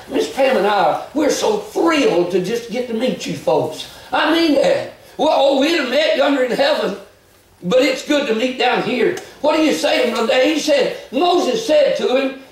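High-voiced preacher, echoey church. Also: male voice. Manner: animated Southern preaching, shouts and chuckles. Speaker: visiting preacher. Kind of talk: sermon. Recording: echoey church recorded from far off.

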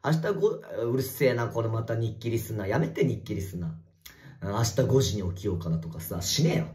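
A man livestreaming from a bathroom, reading viewer comments in casual chat and swearing at commenters in a rough, teasing way. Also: lowish voice, expressive, fairly quick, darkish tone. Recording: echoey bathroom.

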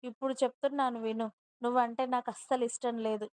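A defiant, spoiled young wife from a storybook, as a woman narrator puts her on. She answers back with haughty scorn in a higher voice that stays flat and even in its tune. The sound is smooth and clear, close and dry. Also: fast, no room sound, lightly acted. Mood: scornful.

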